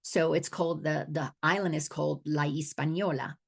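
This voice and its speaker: A woman's voice: sits low, fairly even intonation, normal speed, creaky, breathy edge. A middle-aged woman from the Dominican Republic, an awareness coach giving a spiritual teaching talk, earnest and often restarting her words.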